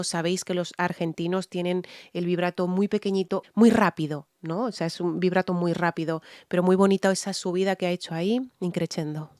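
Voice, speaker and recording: A woman's voice: lowish voice, darkish tone, no room sound, clean studio sound. Frank Spanish woman analyzing vocals. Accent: Spain. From Spain. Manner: frank, explanatory, frequent "¿vale?" check-ins. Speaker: vocal coach. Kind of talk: music reaction and vocal analysis.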